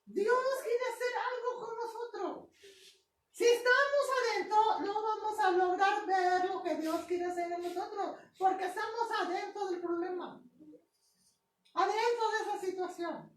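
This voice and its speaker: High-voiced woman pastor preaching. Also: fairly even intonation, measured pace. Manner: emphatic, repeats phrases, keeps checking in with the congregation. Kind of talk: sermon with personal testimony. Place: church sanctuary. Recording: echoey church hall, mic far off.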